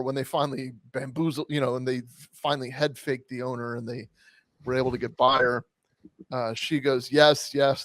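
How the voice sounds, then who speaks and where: A man chats as a commentary co-host with an average-pitched voice. He is wry and jokey in a casual style. The sound is dry and free of reverb. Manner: joking, wry.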